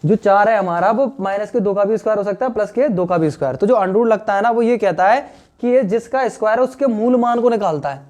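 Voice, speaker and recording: A man's voice: high voice, fast talker, a little mellow. A young man, teaching a maths lesson in a chatty way, often checking whether students understood. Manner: chatty, addresses students as "dear friends", asks "understood or not?". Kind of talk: classroom lesson explaining solutions.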